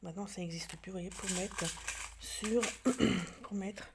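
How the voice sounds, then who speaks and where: A woman from France in a casual show-and-tell vlog, talking hesitantly with many fillers and restarts, often dropping to a soft near-whisper. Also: medium pitch, fairly even intonation, measured pace, vocal fry, background noise. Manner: drops to soft near-whispers while showing details. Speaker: craft vlogger.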